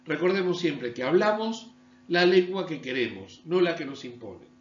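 A man from Argentina, giving a recorded online university lecture and often checking understanding with a quick "¿sí?". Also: animated, soft background music. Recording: echoey room, dull low-fi sound with mains hum.

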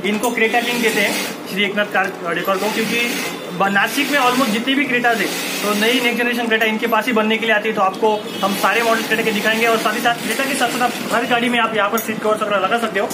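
A young vlogger gives an upbeat, casual tour of a busy indoor car seat cover workshop, speaking directly to viewers. His voice sits high, with fairly even intonation and a quick pace. Loud workshop noise fills the background.

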